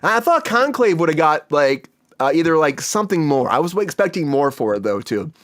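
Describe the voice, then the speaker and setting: A man's voice: a little high, very animated, normal speed, a bit bright. A man hosting a casual comedy entertainment show, rambling and laughing as he talks. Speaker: host.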